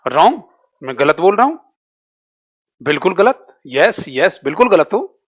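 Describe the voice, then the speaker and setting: A male teacher with a high-pitched voice and big pitch swings runs a quiz in a live online class. He drills students with rapid, repeated questions and switches between Hindi and English terms.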